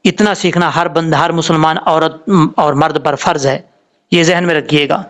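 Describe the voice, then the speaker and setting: High-voiced Pakistani Urdu Quran teacher. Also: male voice, fairly even intonation, fairly bright tone. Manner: patient, explains letter sounds slowly and repeats words. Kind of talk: tajweed lesson with spelled-out recitation.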